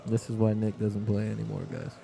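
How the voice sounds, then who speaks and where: A man's voice: lowish voice, completely flat delivery, a little fast, creaky, mellow. A man commentating a pool match on a live stream in an easygoing, chatty way. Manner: easygoing, laughs often.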